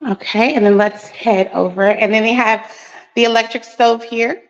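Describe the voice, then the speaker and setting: A woman's voice: a little high, fairly even intonation, normal speed, dull audio. A woman real estate agent giving a walking tour of a house, chatty and a little nervous, slightly out of breath. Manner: chatty, nervous, laughs often.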